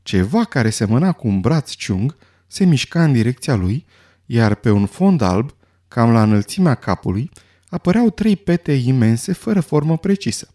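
A man narrating a story in a scripted audiobook reading, expressive and dramatic. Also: mid-range voice.

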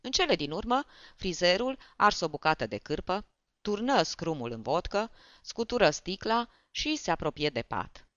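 An expressive storyteller reads the narration aloud with a lot of pitch movement. The recording is dry and a little muffled, and the voice sits at a middle pitch. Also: dry recording. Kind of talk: audiobook narration. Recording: dull, dry.

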